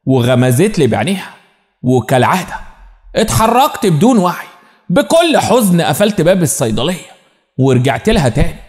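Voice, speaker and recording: Egyptian guy narrating a story, lively up-and-down voice, long echo. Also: on the high side, brisk. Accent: Egyptian Arabic. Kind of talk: first-person story narration. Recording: long reverb.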